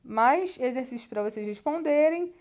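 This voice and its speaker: A woman's voice: sits high, expressive, normal speed, darkish tone. A woman teacher with a Brazilian Portuguese accent explains a textbook lesson patiently, often adding little tag questions as she goes. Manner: patient, explanatory, with frequent "né" tags and restarts. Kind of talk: classroom lesson walking through a textbook.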